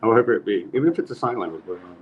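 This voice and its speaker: A man's voice: on the low side, lively intonation, very fast. A man hosting a casual podcast chat, earnest and rambling, laughing at his own jokes. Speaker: podcast host. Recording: slightly muffled with faint noise.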